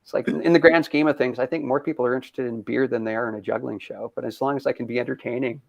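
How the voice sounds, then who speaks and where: A brewery founder chatting casually in an interview, upbeat and rambling, laughing often, over a video call. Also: male voice, mid-range voice, fairly even intonation, rapid-fire, gravelly, no room sound. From Canada. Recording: dull lo-fi video call audio.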